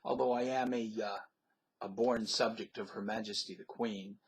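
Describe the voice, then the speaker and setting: This vlogger, a man from the southern United States, rambles casually in a put-on accent that isn't his own, full of fillers, restarts and hesitation. His voice is lowish and slightly rough, with fairly even intonation and a moderate pace.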